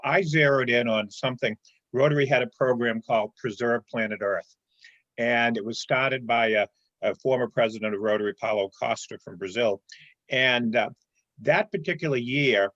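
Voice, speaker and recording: A man's voice: mid-range voice, a bit bright, no room sound. Rambling man on a muffled video call. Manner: rambling, many "you know" fillers. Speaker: club member. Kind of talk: casual remarks on a video call.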